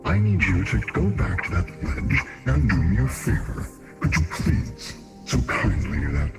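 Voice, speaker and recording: A strange male caller, as a man puts him on speaks through a voice changer that drops the pitch very low and leaves a gravelly, fried edge. His halting phrases come out slow and oddly polite, and he presses the same request again and again. This is tabletop role-play acting. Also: very animated, music in the background, exaggerated voice. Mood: insistent. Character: mysterious male prank caller, odd and insistent. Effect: deep pitch-shifted voice changer.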